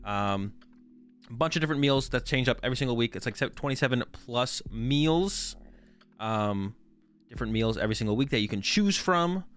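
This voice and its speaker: A man's voice: mid-range voice, expressive, moderate pace, a bit bright, clear, resonant tone, soft background music. A young man chatting casually on a live stream, joking around in a slangy, self-mocking way as he rambles through a sponsor read. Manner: laid-back, joking, slangy with dude and bro. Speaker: card game streamer.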